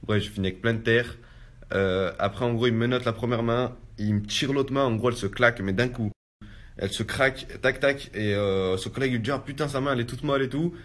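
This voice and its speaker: A man's voice: mid-range voice, fairly quick. A young man casually recounting a personal ordeal in street slang, filling his speech with "en gros". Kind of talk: casual spoken testimony.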